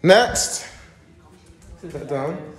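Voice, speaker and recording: A man's voice: on the high side, lively intonation, very slow. A young man hosting a dating game show in a studio, holding a mic, playful and teasing. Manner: playful, teasing, laughs a lot. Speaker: host. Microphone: handheld mic.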